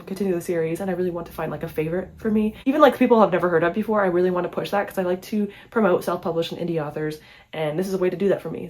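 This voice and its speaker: A young woman talking through her reading in a casual vlog, rattling along at a quick clip. Her voice sits a little low, and she peppers her talk with "like" and dry, sarcastic asides. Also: a little mellow. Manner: chatty, frequent "like" fillers, wry and sarcastic asides. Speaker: book reviewer. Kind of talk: casual book review vlog.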